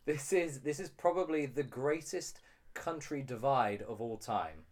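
A man's voice: mid-range voice, lively intonation, unhurried, a little mellow. A British man co-hosting a podcast, explaining food in a rambling, laughing casual chat. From United Kingdom. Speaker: podcast co-host.

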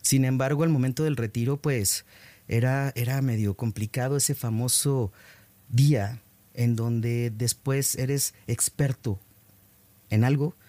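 A man's voice: medium pitch, steady tone, a little slow, dark tone, no echo. A middle-aged man, a guest who answers modestly and with many fillers. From Mexico. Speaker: guest, former athlete. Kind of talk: conversational interview answers.

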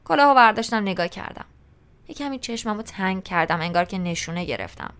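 A woman's voice: mid-range voice, animated, fairly bright tone, clean tone. A woman narrating a novel in the first person, in a colloquial, conversational storytelling style. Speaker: audiobook narrator.

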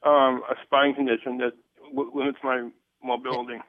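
A man's voice: mid-range voice, little pitch movement, no room sound. Shy man calling in on a tinny phone line. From United States. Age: 40s. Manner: shy, halting, with restarts. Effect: heard over a phone line. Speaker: caller. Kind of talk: call-in advice request.

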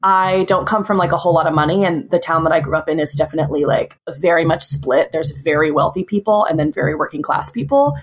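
A woman from Massachusetts chatting as a podcast guest, relaxed and frank, with lots of likes and ums. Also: low voice, fast, hardly any pauses, husky. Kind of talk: casual chat.

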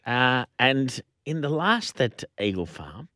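Man, racing tipster, bright forceful voice, informal halting delivery, dry sound. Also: medium pitch, big pitch swings, no echo. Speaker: co-host and horse racing tipster. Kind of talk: casual racing chat.

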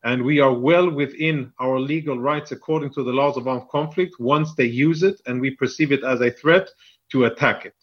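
A man speaking as a military spokesman in a live news interview, firm, deliberate and defensive, over a band-limited remote link. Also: medium pitch, highs cut off.

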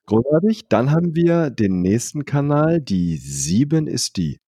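A man co-hosting a podcast, calmly explaining terms and categories. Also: on the high side, measured pace, slightly rough, dry recording, clean studio sound. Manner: calm, explanatory. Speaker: podcast co-host, expert. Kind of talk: casual podcast chat.

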